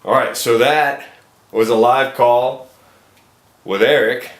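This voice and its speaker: This man takes it slowly, his medium-pitched voice heard in an echoey, roomy room. He's a film director casting an actor, speaking conversationally and encouragingly in a casual phone call and talk to viewers.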